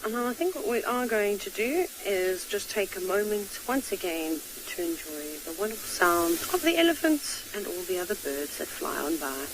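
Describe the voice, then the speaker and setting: A woman presents a live safari in a mid-pitched voice, savouring the scene around her. There is faint hiss and outdoor ambience behind her. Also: very animated, normal speed, hardly any pauses. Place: outdoors at a dam.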